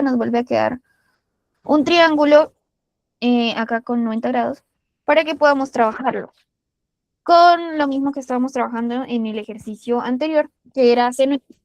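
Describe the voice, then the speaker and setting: A woman's voice: high-pitched, gravelly, darkish tone, dry recording. A woman tutor with a Colombian Spanish accent, patiently walking through a physics problem step by step with casual fillers. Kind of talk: explaining a physics problem while drawing.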